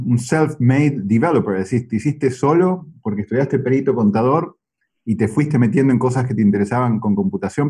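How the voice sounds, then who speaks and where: A man's voice: medium pitch, warm tone, husky. A man hosting a casual interview, asking friendly, curious questions. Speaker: interview host.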